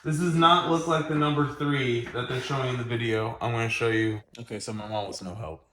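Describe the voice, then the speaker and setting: A man's voice: mid-range voice, steady tone, brisk, pushed and bright, a little hiss or hum. A man chatting casually in a vlog at his mother's house, assembling furniture and talking to his dog. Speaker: vlogger.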